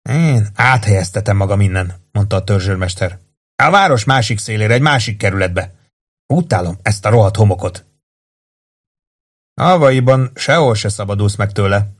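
Narrating an audiobook, a man voices a young male staff sergeant who speaks haltingly and with agitation. The delivery is on the low side, animated, and shaken.

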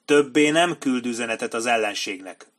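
A man's voice: medium pitch, a bit bright, natural voice. A man voicing a fierce, stern prince who barks orders and hisses threats. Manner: hissing, commanding.

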